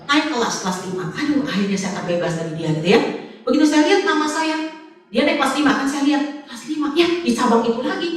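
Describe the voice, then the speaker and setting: A middle-aged woman telling a lively personal story in a church talk, acting out the dialogue as she goes. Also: high-pitched, fast talker. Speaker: Sunday school teacher and guest speaker. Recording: echoey hall, voice from far off.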